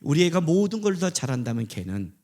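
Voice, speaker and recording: A middle-aged man preaching a sermon. He tells a family story in which he quotes his wife and child, and he swings from soft near-whispers to loud, emphatic passages. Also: a little high, very animated, brisk. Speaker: pastor.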